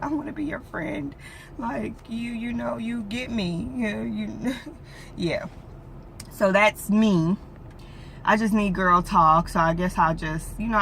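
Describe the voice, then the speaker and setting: Low-voiced young mom chatting casually. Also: female voice, a bit bright, slight background noise. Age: late 20s. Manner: rambling, with many "like"s and "you know"s. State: three weeks postpartum. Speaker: vlogger. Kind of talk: casual vlog chat.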